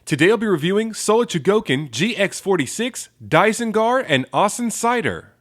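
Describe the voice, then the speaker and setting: A man's voice: high voice, sing-song, moderate pace, fairly bright tone, no echo, clean studio sound. A man giving a casual toy review, enthusiastic, repeating praise words and dropping frequent ums.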